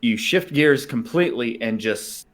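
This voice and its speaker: A man's voice: medium pitch, animated, a little slow, fairly bright tone. A man co-hosting a podcast in casual chat, rambling and laughing as he tells a story. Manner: rambling, laughs often, restarts sentences. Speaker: podcast co-host.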